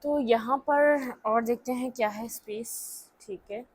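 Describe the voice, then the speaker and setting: A young woman talks her viewers through a tarot reading in a relaxed, chatty way. Her voice sits on the higher side, and she keeps punctuating her thoughts with "okay" as she works through the cards. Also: measured pace, slight background noise. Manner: talkative, keeps checking in with "theek hai", mixes English words. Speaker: tarot reader. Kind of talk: casual tarot reading to camera.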